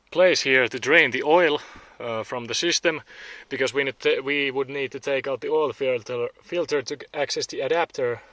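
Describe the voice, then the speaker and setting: Speaking with a Finnish accent, this native Finnish man hosts a car hobbyist video from inside a car on a parking lot. His mid-range voice sounds pushed and bright with no room sound, and his casual vlog talk is offhand, with the occasional swear word.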